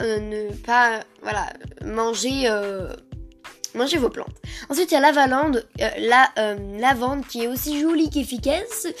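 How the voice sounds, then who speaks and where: A young woman hosting a casual gardening podcast, talking with many fillers and restarts. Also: on the high side. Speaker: podcast host.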